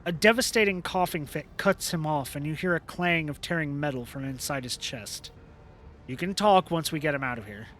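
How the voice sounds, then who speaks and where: Young guy streamer reading game dialogue out loud, kinda high voice, jokey. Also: expressive, moderate pace, slight background noise. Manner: casual, joking asides between narration.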